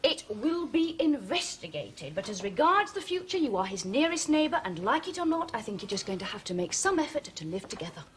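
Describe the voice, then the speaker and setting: A firm, authoritative police inspector, her voice lively and a little high. She speaks in measured terms. Faint hiss sits under the old TV drama sound. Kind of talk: 1980s British TV police drama.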